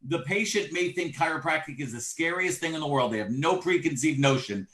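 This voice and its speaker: A man's voice: fairly high pitch, expressive, fairly quick, a bit bright, roomy sound. A man coaching fellow practitioners in a casual livestream discussion, explaining his points through vivid analogies.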